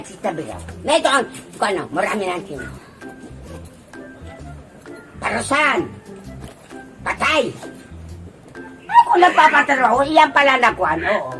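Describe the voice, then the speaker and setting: A woman's voice: medium pitch, very animated, moderate pace, fairly bright tone, faint music behind. An elderly grandmother ranting in a rambling, accusing way, agitated and confused. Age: older. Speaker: grandmother being filmed. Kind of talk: heated rambling outburst.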